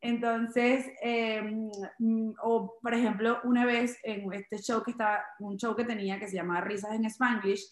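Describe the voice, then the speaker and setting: Lively woman comedian in an echoey room. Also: fairly high pitch, unhurried. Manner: animated, laughs often, acts out quotes. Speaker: stand-up comedian, guest. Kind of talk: casual interview storytelling.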